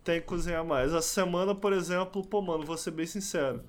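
High-voiced chatty young man. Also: a little fast, a little hiss or hum. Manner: chatty, storytelling, frequent slang fillers. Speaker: podcast guest. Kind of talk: casual chat.

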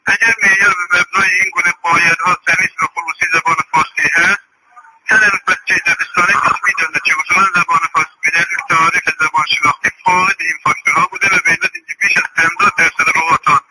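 A man with a very sharp, bright, fairly high voice delivers a formal open letter as a voice message. He as a Turkish speaker from Iran, and he declaims in an accusatory way. Faint music plays behind him. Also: poor audio. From Iranian Azerbaijan. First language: Azerbaijani Turkish. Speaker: political prisoner. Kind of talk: reading a prepared open letter as a recorded voice message.

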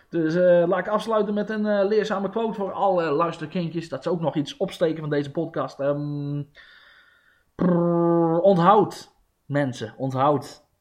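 A man hosting a casual podcast, excitable and rambling, poking fun at himself. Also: a little high, normal speed. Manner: excitable and rambling, self-mocking. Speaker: podcast host.

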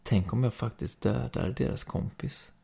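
A man voicing a quiet, withdrawn, mysterious teenage girl in a read-aloud story, in a soft, reserved way. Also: medium pitch, gravelly, slightly rough.

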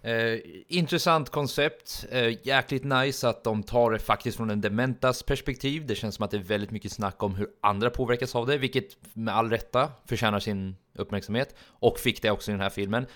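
Measured man mixing English into his speech. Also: mid-range voice, fairly bright tone. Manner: measured, mixes in English phrases. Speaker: podcast co-host. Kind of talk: casual film review chat.

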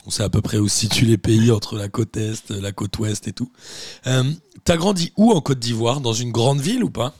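A man hosting a casual interview podcast, chatty and relaxed, asking many questions. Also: medium pitch, normal speed, no room sound, clean studio sound. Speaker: podcast host.

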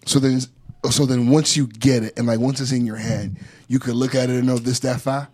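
A man's voice: mid-range voice, steady tone, a little fast, a little mellow, breathy edge. A man hosting a casual chat, teasing and swearing freely. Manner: profane, teasing. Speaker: talk show host.

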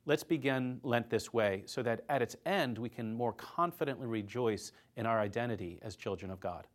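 A man speaking as a priest, giving a short, scripted Lenten-style reflection in a measured, earnest way with deliberate emphasis. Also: medium pitch.

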